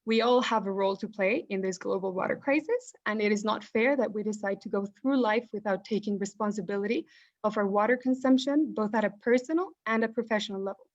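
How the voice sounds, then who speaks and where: A woman's voice: medium pitch, fairly quick. A young woman from Mexico closing a talk as a guest speaker, earnest and urgent. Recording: dull lo-fi call audio.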